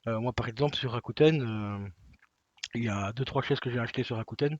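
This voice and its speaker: A man's voice: medium pitch, a little fast, no room sound. Rambling casual man, dry dull sound. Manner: rambling, many fillers and restarts. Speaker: collector comparing toy prices. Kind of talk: casual screen-recorded walkthrough.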